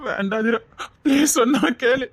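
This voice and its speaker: A woman's voice: fairly high pitch, moderate pace, husky, no room sound. A woman voicing a young woman who begs her friend to live, speaking with a Tirunelveli Tamil accent in a tearful, pleading way. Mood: begging.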